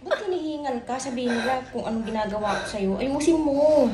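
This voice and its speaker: A woman vlogger in mock-indignant, bossy banter with her partner, breaking into sudden shouts, recorded at home. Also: high voice, a little fast, very noisy. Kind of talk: teasing couple banter. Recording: roomy room with faint ambience.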